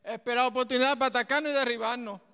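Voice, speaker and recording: High, resonant man preaching in a hall. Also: racing, clean tone. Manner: animated preaching with asides and laughter. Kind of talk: sermon.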